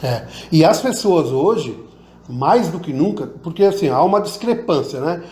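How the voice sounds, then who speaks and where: A man's voice: fairly high pitch, animated, moderate pace, darkish tone. A man who teaches public speaking, giving tips as an interview guest and demonstrating vocal emphasis, with a Southern Brazilian Portuguese accent. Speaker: oratory teacher. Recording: echoey room.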